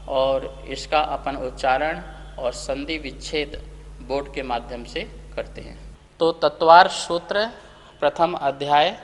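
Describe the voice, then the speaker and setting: A man teaching a scripture lesson, slowly reciting verses syllable by syllable for students to repeat. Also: on the high side, in a large hall. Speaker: Jain monk teaching scripture.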